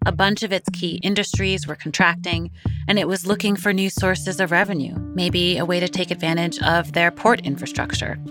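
Lower-voiced female podcast co-host. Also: fairly even intonation, normal speed, over music. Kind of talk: conversational narrated storytelling.

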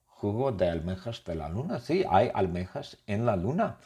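A man telling an absurd comic story in slow, simple, repetitive sentences. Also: lowish voice, big pitch swings, mellow, slightly rough. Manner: playful, absurd, repeats phrases, slow. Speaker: podcast storyteller.

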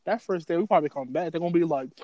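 A man's voice: a little high, very fast, mellow, dry recording. A young American man co-hosting a casual podcast in slangy bro talk, often acting out conversations. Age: young adult. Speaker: podcast co-host.

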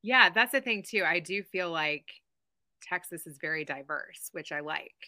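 Bright, sharp-voiced woman guest from Kentucky. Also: lowish voice, expressive, normal speed. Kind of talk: casual conversation.

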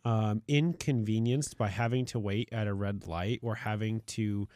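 A man co-hosting a casual podcast chat in a studio, talking in long animated runs. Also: moderate pace, no room sound. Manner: animated, mocks clickbait in high put-on voices. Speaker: podcast co-host.

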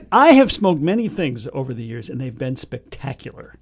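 A man's voice: medium pitch, very animated, normal speed, husky. An American man chatting casually as co-host of a shopping deals show. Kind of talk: casual co-hosted chat.

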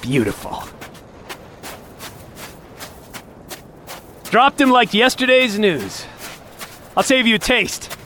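Man acting a needling, falsely chummy hunter, animated and high-voiced. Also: a little slow, a little hiss or hum, heavily acted. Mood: gloating. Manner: mock-cheerful, taunting, talkative. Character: younger male office underling, falsely chummy, needling, menacing hunting companion. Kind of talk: dramatic audio fiction acting.

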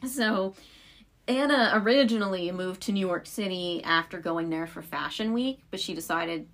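A woman's voice: lowish voice, vocal fry, a bit bright. A young woman co-hosting a podcast, telling a story in casual chat with lots of "like" fillers. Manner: chatty storyteller, frequent "like" fillers. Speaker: podcast co-host.

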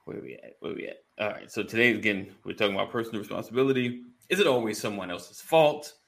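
Speaking fast in a lowish, creaky voice, a man hosts a casual live online show for a men's community. His patter is that of a jokey morning radio DJ, colloquial and informal, with listeners greeted by name.

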